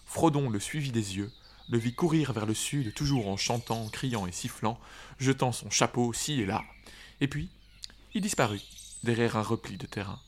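Man reading a story aloud, expressive. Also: mid-range voice, a little hiss or hum. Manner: expressive, slow dramatic reading. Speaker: narrator. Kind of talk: audiobook reading.

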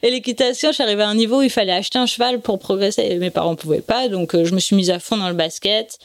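A woman in her forties from France, a sailor being interviewed, explaining things at length in a relaxed, conversational way. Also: medium pitch, racing, dry recording, clean studio sound. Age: 40s. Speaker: guest, offshore sailor.

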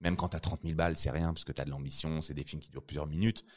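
Homme à la voix très grave, bavard. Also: male voice, extremely low pitch, steady tone, racing. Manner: slangy, rambling with many fillers and restarts. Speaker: filmmaker guest. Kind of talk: casual interview chat.

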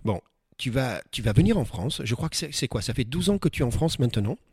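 A man's voice: medium pitch, sing-song, quick pace, a little mellow, husky, no room sound, clean studio sound. A man hosting an interview, enthusiastic and encouraging, asking his guest about her path. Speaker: interview host. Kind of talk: conversational interview.

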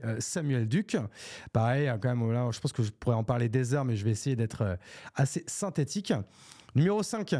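A man's voice: mid-range voice, warm tone. A man hosting his own solo podcast, talking off the cuff in a casual, rambling way, full of fillers, restarts and English business slang. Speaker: podcast host. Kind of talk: solo unscripted podcast talk. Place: Bordeaux, France. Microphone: podcast microphone.

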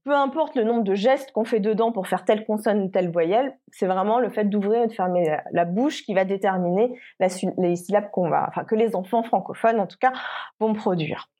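A woman's voice: mid-range voice, warm tone. A woman, a linguist researcher answering interview questions carefully, with frequent hesitations and restarts.

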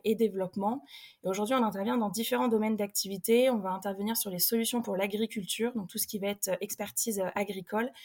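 A woman's voice: mid-range voice, vocal fry, a little mellow, breathy edge. Hesitant young woman recruiter interviewed. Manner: hesitant, many filler sounds. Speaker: recruitment specialist guest. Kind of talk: casual interview talk.

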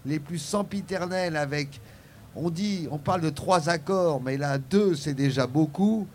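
Animated older French storytelling man. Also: on the high side, measured pace, a little hiss or hum. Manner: animated storyteller, many fillers. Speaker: guest. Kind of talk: anecdotal interview storytelling.

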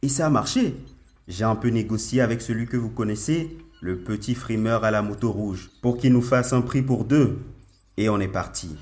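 Young migrant dude, slangy and lively, man putting it on. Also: lowish voice, moderate pace, voice pushed up, close to an everyday voice. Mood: chatty. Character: young African migrant man, talkative then desperate.

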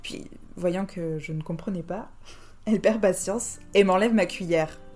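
A woman's voice: on the low side, unhurried, darkish tone, faint music behind. A woman from France, host of a podcast, telling a personal travel story in a reflective, hesitant way with frequent fillers.

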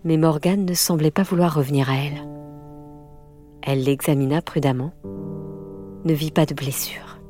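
A woman reading a children's novel aloud in a measured, expressive narration. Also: low voice. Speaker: audiobook narrator. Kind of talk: scripted storybook narration. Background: faint music.

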